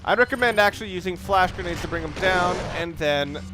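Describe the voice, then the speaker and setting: This man's voice sits high and moves fairly quickly against a noisy backdrop of game audio. He talks through the video game in a relaxed, analytical way, wandering off track and revising what he says as he goes.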